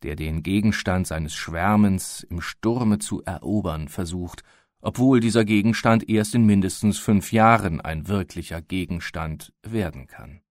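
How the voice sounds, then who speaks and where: A man narrates a literary tale in a studio. His voice is low and measured, and the dry recording has no room echo.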